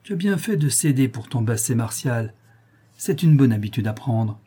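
A man's voice: medium pitch, animated, moderate pace, dark tone, breathy edge. A man voicing a drunk, brutal young male bandit who snarls threats, reading a novel aloud. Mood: menacing.

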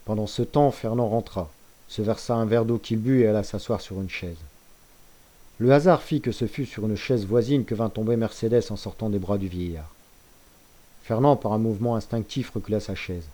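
Mellow-voiced man reading a novel aloud. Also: lowish voice, moderate pace. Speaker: audiobook reader. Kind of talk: scripted narration of a classic novel.

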